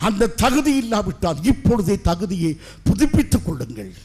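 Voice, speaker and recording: Male pastor, sermon, high voice, very lively melodic delivery, middle-aged. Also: normal speed, husky. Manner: impassioned preaching, swinging from loud to hushed.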